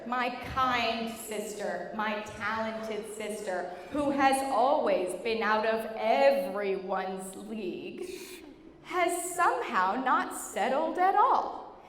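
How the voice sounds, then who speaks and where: High-pitched young woman giving an echoey wedding speech. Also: fairly bright tone. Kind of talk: humorous prepared wedding speech. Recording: echoey reverberant hall with clear noise.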